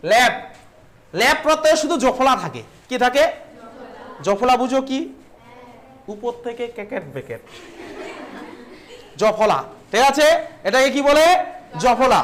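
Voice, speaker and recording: A man's voice: very high-pitched, a bit bright. A man teaching a grammar lesson to students. He asks them questions, answers them himself, repeats key terms and draws out words to show how they are said. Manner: stretches out words to model their pronunciation.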